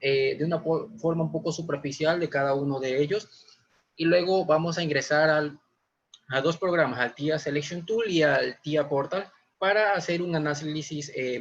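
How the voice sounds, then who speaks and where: A man's voice: a little high, moderate pace, slightly rough. Guayaquil man teaching over a muffled call. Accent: Ecuadorian Spanish, Guayaquil. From Ecuador. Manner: explanatory with frequent "eh" fillers. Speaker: automation instructor. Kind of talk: live webinar lesson. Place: small room indoors. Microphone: webcam or laptop mic on video call. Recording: muffled video-call audio.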